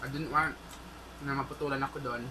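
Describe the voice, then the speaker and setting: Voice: medium pitch, fairly even intonation, fast talker. A vlogger with a Filipino accent, chatting and humming between bites, chewing while talking in an indoor room. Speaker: mukbang vlogger. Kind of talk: casual chat while eating on camera. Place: indoor room with air conditioner. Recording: air conditioner noise behind.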